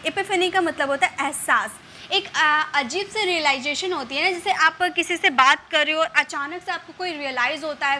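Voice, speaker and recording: Woman, casual English vocabulary teacher, high voice, repeats words, faint room noise behind. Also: bright, forceful tone. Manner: explains slowly, repeats words, many fillers. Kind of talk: casual spoken lesson.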